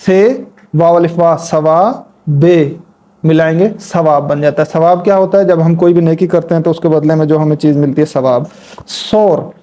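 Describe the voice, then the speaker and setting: Male tutor, mellow and a little high-pitched, patient, spells words out slowly during the lesson. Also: steady tone. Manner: talks while demonstrating at a board. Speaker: Urdu writing teacher. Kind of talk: instructional lesson.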